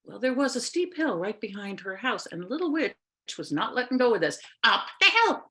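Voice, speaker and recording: A woman telling a fairy tale live, expressive and unhurried, lingering on images with drawn-out pauses, heard over a video call. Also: a little high. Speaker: storyteller. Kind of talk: live oral storytelling.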